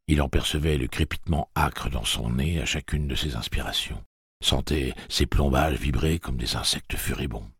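A man reading a novel aloud as the narrator, in a steady, expressive way. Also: rumbling low, normal speed, vocal fry, husky, no echo, clean studio sound. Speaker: audiobook narrator. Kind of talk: scripted narration.

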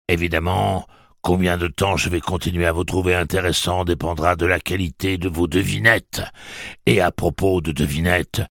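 A man's voice: low voice, vocal fry, a bit bright, no echo, clean studio sound, pitched above the performer's own voice, full character voice. A man voicing a cruel talking monorail machine that toys with the people it threatens, in a mocking, cold way.

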